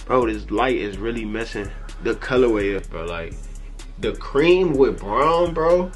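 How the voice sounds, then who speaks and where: A man's voice: mid-range voice, unhurried. A young man talks to camera from a small bedroom lit in purple, his voice sitting mid-range. He sounds hyped and loose, stacking slang and filler as he chats to viewers. Faint music plays underneath. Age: young adult. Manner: excited, slangy, repeats "bro" and "you feel me". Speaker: vlogger showing a hat collection. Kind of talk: casual vlog talk to camera.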